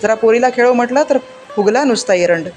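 Storybook figure: overworked village mother, sharp scolding, put on by the narrator; background music. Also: brisk, natural voice. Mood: angry. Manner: sharp scolding, raised pitch.

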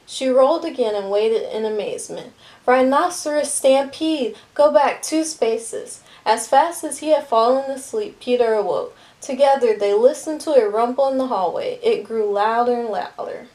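A woman reading a children's picture book aloud with lively, expressive narration. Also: a little high, moderate pace, few pauses, rough recording. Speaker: storybook reader.

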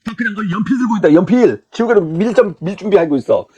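A man's voice: high-pitched, expressive, quick pace, warm tone, husky, dull audio. A middle-aged man giving a blunt, coarse, informal lecture on job interviews, acting out the exchanges.

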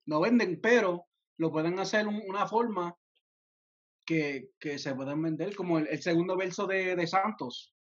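A man's voice: high-pitched, moderate pace. A young man talking as a guest on a video call, slipping English phrases into his Spanish, with many restarts. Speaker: music producer guest. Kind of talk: casual interview over video call. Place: home room, indoors. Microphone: headset on a video call. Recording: dull lo-fi video call audio.

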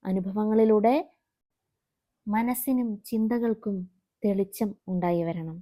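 Woman teacher, mellow low-toned voice, expressive classroom reading. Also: slow pace. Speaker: Malayalam teacher. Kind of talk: classroom lesson reading a text aloud.

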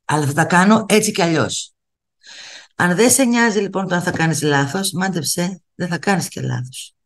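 A middle-aged woman giving a motivational talk, speaking straight to her viewers and repeating key phrases for emphasis. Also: fairly low pitch. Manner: addresses viewers directly as kids. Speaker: motivational coach.

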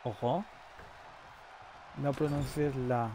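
A man giving casual, excitable live commentary on the game he is playing. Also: mid-range voice. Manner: excitable, frequent quick exclamations. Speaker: streamer. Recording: noisy game sound underneath.

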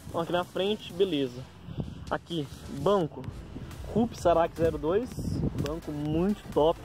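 A Brazilian man with a slightly high voice talks casually into a phone outdoors, with music behind him. He lists things informally, improvising and correcting himself as he goes. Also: measured pace. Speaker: bike owner presenting a gear check. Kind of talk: casual vlog commentary, listing parts.

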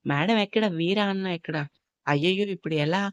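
A woman's voice: lowish voice, fairly quick, dry recording, dull audio, natural voice. A storyteller voicing a polite, anxious young woman who speaks respectfully. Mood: worried.

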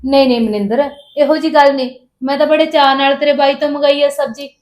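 A woman's voice: high voice, fairly even intonation, fast, darkish tone, natural voice. An actress playing a patient housewife who placates her demanding sister-in-law and complains to her husband. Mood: pleading. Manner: pleading, placating, then aggrieved. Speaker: actress in a village family drama.

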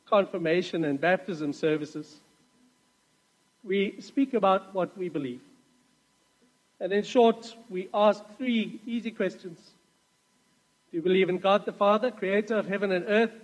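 High-voiced pastor preaching in a church. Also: male voice, in a large hall, low-quality recording. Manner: conversational storytelling with asides. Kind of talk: sermon.

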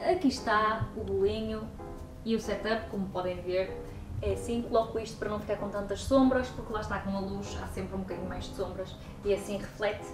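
A young woman with a European Portuguese accent, chatting excitedly in a casual vlog filmed on a handheld camera. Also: mid-range voice, brisk, over music. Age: young adult. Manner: chatty, excitable, talks to her cat. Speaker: vlogger. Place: home kitchen and garden.

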